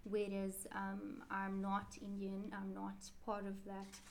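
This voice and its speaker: Slow, creaky, and a little mellow, her mid-range voice stays completely flat. The South African woman, a Quran teacher being interviewed, chats and rambles, frequently correcting herself over slight background noise.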